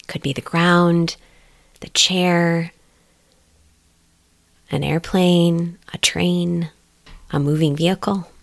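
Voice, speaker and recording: A woman hosting a podcast, asking slow, gentle guiding questions. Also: lowish voice, steady tone, vocal fry, no room sound. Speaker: podcast host. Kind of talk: guided meditation and interview.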